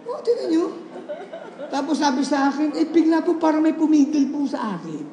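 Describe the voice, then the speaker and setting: High-voiced pastor preaching. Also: male voice, fairly quick. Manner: animated storytelling, laughs often, mixes English phrases. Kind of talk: sermon. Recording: echoey hall with faint background noise.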